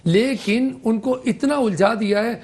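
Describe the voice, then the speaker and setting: A man's voice: very high voice, a little mellow. A man who is a political analyst guest, giving critical commentary and listing his points one after another.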